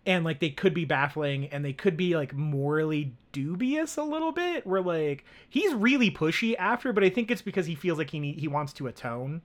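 A man's voice: fairly high pitch, lively intonation, moderate pace, hardly any pauses. A man co-hosting a film podcast, talking casually with lots of fillers and restarts. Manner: rambling, many fillers and restarts. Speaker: podcast co-host.

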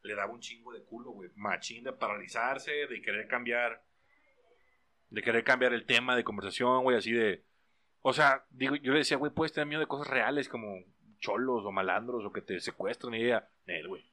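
A man's voice: mid-range voice, a little fast. A young man with a Mexican accent in casual crude chat, joking and telling stories. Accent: Mexican Spanish. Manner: crude, joking, animated storyteller.

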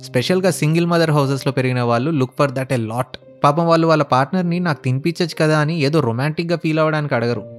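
A man's voice: a little high, fast talker, few pauses, faint music behind. A man telling a relationship story in a casual, blunt and sarcastic way, slipping English phrases into his talk. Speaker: relationship advice vlogger.

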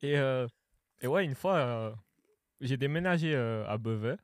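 A man's voice: medium pitch, expressive, unhurried, smooth, dry recording, clean studio sound. Young Portuguese-born man, teasing banter. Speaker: podcast co-host. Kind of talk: casual podcast chat.

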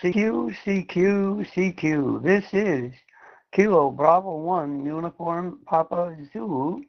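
A man running a radio net with a gravelly, fairly high voice, heard over fading shortwave radio. The sound is dull and lo-fi, and his level dips as the signal fades. He speaks in a measured, formal on-air style and spells out call signs. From Massachusetts, USA. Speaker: net control operator. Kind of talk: amateur radio net procedure.

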